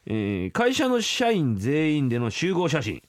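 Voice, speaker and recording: A man's voice: on the high side, wildly swooping pitch, a little slow, no room sound, clean studio sound. A man co-hosting a radio show, reading listener confessions aloud in a casual, teasing way and laughing along. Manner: joking, teasing, reads letters with laughs. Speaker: radio co-host. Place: radio studio. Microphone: studio microphone.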